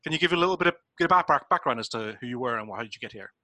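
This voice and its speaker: A man's voice: mid-range voice, lively intonation, rapid-fire, sharp tone, no echo. A man hosting a casual interview, asking rambling questions with many restarts. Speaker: interviewer, host.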